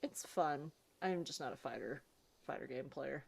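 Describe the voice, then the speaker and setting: A woman's voice: rumbling low, moderate pace, vocal fry, a little mellow, breathy edge. A woman in casual chat who reacts with short, wry quips.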